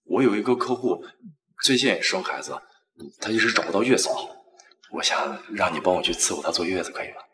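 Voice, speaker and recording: A man's voice: sits low, fairly quick, reverberant, a crowd in the background, lightly acted. An actor playing a cold, scheming young husband who brushes off his wife and then coaxes her for favors, in a short web drama. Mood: coaxing. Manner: dismissive to his wife, coaxing when asking favors. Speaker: callous husband.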